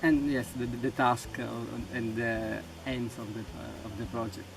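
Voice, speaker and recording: A young man from Sicily, an Italian speaker, answering questions about volunteering in a halting way with many restarts. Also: mid-range voice, fairly even intonation, gravelly. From Sicily, Italy. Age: young adult. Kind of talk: interview answers. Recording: distant mic with loud music.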